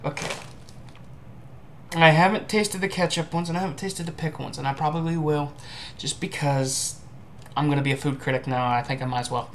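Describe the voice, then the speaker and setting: A man's voice: on the high side, fairly even intonation. Hesitant young man, noisy home recording. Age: young adult. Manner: hesitant, halting, musing. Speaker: amateur food reviewer. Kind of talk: casual chat to camera. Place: indoor room at home.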